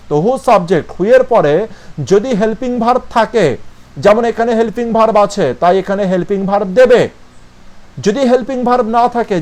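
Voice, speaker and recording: A man's voice: high voice, a little mellow. A man with a Bengali accent teaching English grammar in a coaching class, explaining step by step and often checking that students follow.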